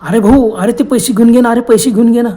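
A man's voice: high voice, little pitch movement, fast talker, dark tone, faint music behind, natural voice. A man voicing the ghost of an old man who calls out after a rickshaw, pleading with the driver to take the money.

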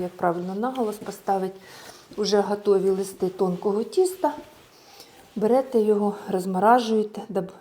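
This home cook talks casually through every stage of a recipe while working, peppering her speech with Russian words. Her voice is warm and mid-range, with slight background noise behind it.

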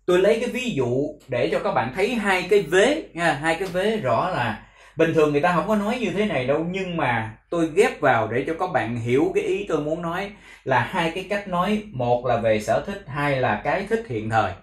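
A man with a Vietnamese accent teaching English pronunciation, repeating words slowly and explaining in Vietnamese. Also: a little high, echoey room. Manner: slow drilled repetition of English words. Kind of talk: pronunciation lesson.

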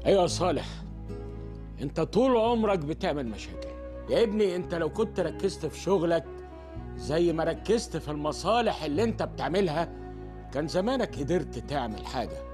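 Film comedy: actor playing Egyptian uncle, measured lecturing tone. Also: male voice, fairly high pitch, expressive, over music, natural voice. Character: lecturing older family elder.

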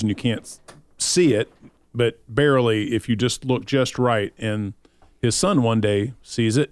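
A man co-hosting a radio talk show, calmly retelling a film's plot in a plain, steady way. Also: medium pitch, no room sound.

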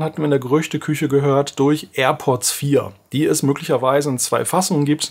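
Framed close at head-and-shoulders, a man in his forties with a gravelly, somewhat high voice hosts a casual tech vlog. He sits at a desk with a monitor in his home office, chatting and thinking out loud with plenty of fillers.

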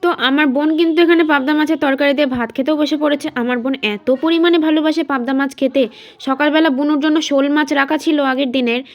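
A young woman from West Bengal talks through her day at home into a phone camera. Her voice sits high, and she chats freely, repeating words for emphasis in a casual vlog style. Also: steady tone, brisk. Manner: chatty, repeats phrases for emphasis. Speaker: daily vlogger. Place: at home, indoors.

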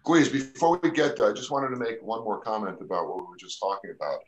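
Chatty New lawyer on radio. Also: male voice, fairly low pitch, big pitch swings, fast, rough recording. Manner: conversational, lots of "you know" and "all right?". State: losing his voice. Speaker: immigration attorney on a radio show. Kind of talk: live radio talk show.

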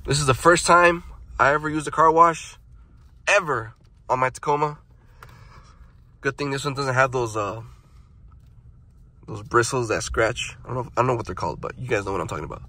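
A young man vlogs casually from his truck in a car wash, speaking to viewers on a handheld phone amid nervous yelps and laughs. His voice is medium-pitched and sharp in tone, at normal speed, with frequent pauses.

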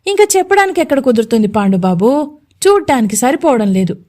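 A woman voicing a scheming lowly male servant who fawns and pleads with his master in an audio story. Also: very animated, fast, a little mellow. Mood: pleading. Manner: fawning, pleading, gossipy.

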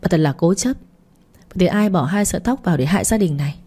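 A strict older father lectures his family in a radio story, voiced by a woman. His lines are stern and cold, read in a low, mellow tone. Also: lively intonation, fast, breathy edge. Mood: scornful. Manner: stern, scolding. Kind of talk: audiobook reading.

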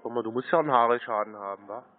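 Over muffled, lo-fi call audio, a scambaiter prank-calls phone scammers, taunting and insulting the other man in a phone argument. His mid-range voice races along with mocking, provocative jabs, and soft music plays in the background.

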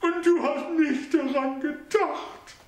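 A man voicing a domineering ninety-one-year-old mother who nags and scolds her grown son in a shrill, commanding voice. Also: takes it slowly, full character voice. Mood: wailing. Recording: roomy echo.

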